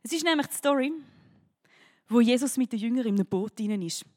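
A woman with a Swiss German accent delivers a sermon in a bright, high voice. She tells the story vividly and keeps turning to her listeners as if chatting with them. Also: fast talker. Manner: lively storytelling, speaks directly to listeners. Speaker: preacher. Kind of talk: sermon to a young audience.

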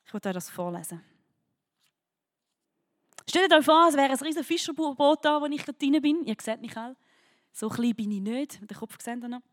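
A woman with a Swiss German accent preaching a sermon to a young audience, telling a story in a lively way and speaking directly to her listeners. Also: sits high, normal speed, pauses often.

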